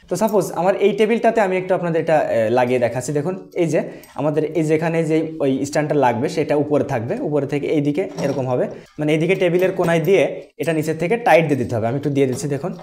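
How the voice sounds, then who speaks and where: A man's voice: on the high side, mellow, slight background noise. A man explaining a microphone setup and sound test to his viewers, recorded on a desk microphone. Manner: explanatory, addresses viewers directly. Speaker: tech reviewer. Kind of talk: product review and sound test. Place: at a desk indoors. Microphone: desk USB dynamic microphone on an arm stand.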